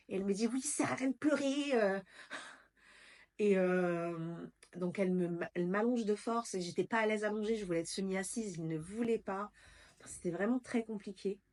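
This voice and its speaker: A woman's voice: lowish voice, steady tone, normal speed, darkish tone. A woman vlogger telling a personal story in a candid, casual way, blunt and emotional, with slang and swearing.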